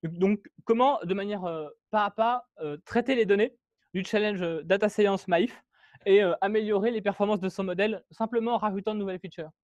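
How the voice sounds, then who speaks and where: Hesitant high-voiced man presenting code. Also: a little fast, no room sound. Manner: hesitant, many fillers and restarts. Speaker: meetup speaker. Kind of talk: technical presentation walking through code. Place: meetup room.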